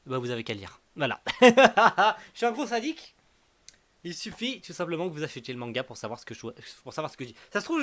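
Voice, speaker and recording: A young man chats to camera about the manga he read this month. He rambles and hesitates over his words, then teases the viewers playfully, his voice sitting a little high for a man. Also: a bit bright. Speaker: manga reviewer.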